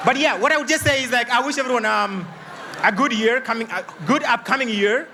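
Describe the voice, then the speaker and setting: A man from South Sudan speaking from the audience, hesitant with many fillers and throat-clearing, over loud crowd noise. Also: very high voice, fairly quick. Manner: hesitant, many fillers, mixing Swahili slang. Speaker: audience member.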